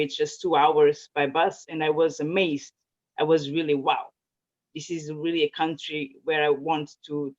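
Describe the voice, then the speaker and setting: A woman from Portugal, a native Portuguese speaker, answering interview questions in a casual, hesitant way with many fillers and restarts. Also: low voice. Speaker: interview guest. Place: home in Zurich. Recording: muffled lo-fi audio.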